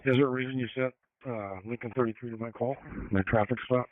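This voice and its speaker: A man, a police officer, talking briskly and matter-of-factly over a police radio. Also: mid-range voice, fairly even intonation, narrow, tinny audio. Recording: distant radio with faint static.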